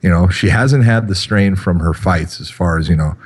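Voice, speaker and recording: Rambling low-voiced man in his fifties. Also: normal speed, breathy edge. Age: 50s. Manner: rambling, many fillers. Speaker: podcast co-host. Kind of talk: casual chat.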